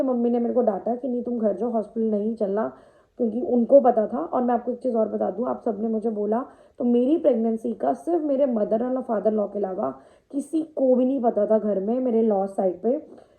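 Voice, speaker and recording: A woman's voice: a little high, phone-quality sound. A young woman vlogger telling a personal story in Hindi mixed with English words, with many fillers.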